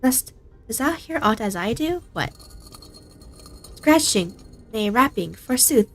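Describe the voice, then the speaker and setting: A woman voicing an excitable young woman knight who speaks in old-fashioned, theatrical words. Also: on the high side, slow, pitched above the performer's own voice, full character voice. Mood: alert. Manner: archaic, theatrical speech.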